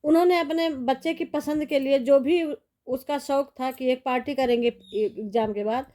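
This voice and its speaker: High-pitched woman vlogger, sorrowful rambling talk. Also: fairly even intonation, normal speed, mellow. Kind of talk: casual commentary vlog.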